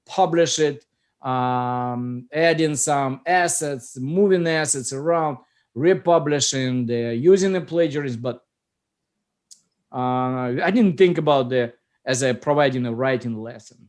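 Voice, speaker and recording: Speaking a little slowly at medium pitch, a middle-aged man with a Russian accent hosts a laid-back video call about his app. As its founder, he chats informally, often stopping to search for words.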